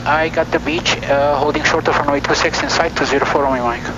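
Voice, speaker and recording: A man's voice: a little high, steady tone, fast talker. Man narrating his flight in a noisy cockpit. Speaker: student pilot flying solo. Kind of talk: cockpit self-narration with radio calls. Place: small plane cockpit in flight. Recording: dull cockpit audio, clear engine noise.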